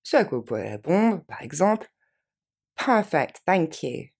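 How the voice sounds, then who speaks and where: Woman, English teacher for French learners, lively pitch, lowish voice, drills phrases slow and fast. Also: gravelly, breathy edge. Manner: models English phrases slowly and quickly for repetition. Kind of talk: language lesson with repeated model phrases.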